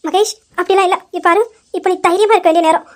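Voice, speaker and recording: A woman's voice: very high-pitched, steady tone, fast talker. A woman voicing a loving middle-aged mother who soothes and reassures her crying son in an audio drama. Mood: anxious comforting. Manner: soothing, pleading. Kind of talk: amateur audio drama acting.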